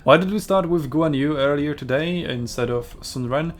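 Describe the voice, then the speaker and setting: A man's voice: on the high side, normal speed, faint music behind. A man hosting a gaming video, giving casual gameplay commentary in a rambling, chatty way with fillers and self-corrections.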